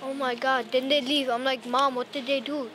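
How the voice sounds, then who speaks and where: A woman's voice: high voice, little pitch movement, moderate pace, a bit bright, slight background noise. A young woman describing events chattily, peppering her speech with "like". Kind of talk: casual storytelling.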